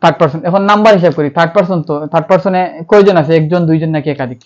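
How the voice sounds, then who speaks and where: A man's voice: a little high, rapid-fire. A man with a Bangladeshi accent teaching English grammar. He asks questions and answers them himself, and spells words out letter by letter. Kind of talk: classroom-style lecture. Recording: slightly dull, lo-fi.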